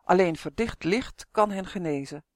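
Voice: medium pitch, moderate pace, no room sound, clean studio sound, close to an everyday voice. A storyteller voicing a small, friendly green elf who speaks hesitantly and giggles, in a fantasy audiobook.

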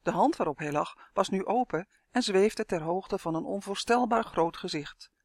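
Storybook narrator, woman, lively expressive read; dry close recording. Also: mid-range voice, normal speed, no echo.

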